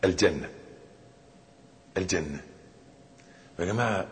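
Egyptian guy preaching, quiet then suddenly loud and pushy, big echoey hall. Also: low-pitched, unhurried, slight background noise. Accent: Egyptian Arabic. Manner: swings between hushed reflection and loud emphatic outbursts. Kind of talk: sermon. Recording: long hall reverb.

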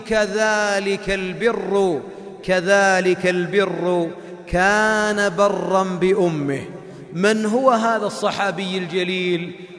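A man with a very high, slightly bright voice preaches a sermon to young students, chanting verses melodically and quizzing his audience. Long hall reverb fills the recording.

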